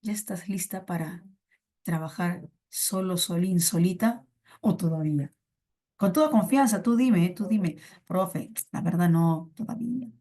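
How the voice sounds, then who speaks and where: Speaking at a measured pace in a mellow, lowish voice, a woman teaches an online class in Peruvian Spanish. She talks to her students through a computer mic, playful and coaxing, repeating her phrases as she goes.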